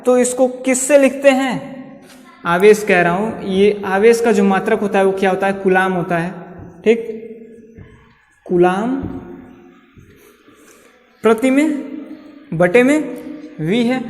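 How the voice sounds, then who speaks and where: A man with an Uttar Pradesh Hindi accent explains physics at a board in a high, bright-pitched voice. He repeats each term and keeps checking that students follow. A long room reverb trails behind his words. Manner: repeats key terms with many "ठीक" checks, coaxing students. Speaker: physics teacher. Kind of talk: blackboard lecture.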